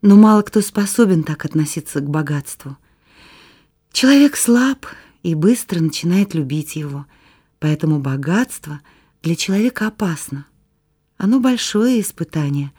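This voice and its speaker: A woman's voice: deep voice, expressive, normal speed, warm tone, husky. Patient woman explaining to a child. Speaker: teacher in a children's Bible program.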